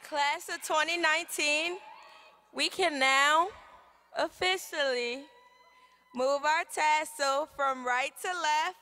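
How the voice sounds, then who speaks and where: A young woman, a student speaker, leading the class from the podium in a slow, deliberate way. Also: high voice, pushed and bright. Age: young adult. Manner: slow, deliberate, rising to a cheer. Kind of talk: ceremonial announcement. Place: large arena at a podium. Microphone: podium mic.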